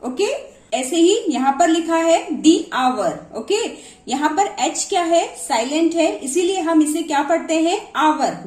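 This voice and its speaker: A woman's voice: high-pitched, a little mellow. A woman teaching English pronunciation, explaining in a mix of Hindi and English and asking and answering her own questions. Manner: mixes Hindi and English words. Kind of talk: slow explanatory lesson. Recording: echoey room.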